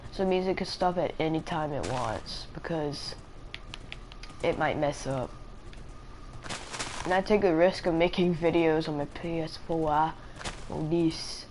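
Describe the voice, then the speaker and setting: A woman's voice: deep voice, measured pace, pauses often, a little mellow, a little hiss or hum, low-quality recording. A sleepy, tired woman rambling hesitantly in casual chat as a live streamer, with many fillers.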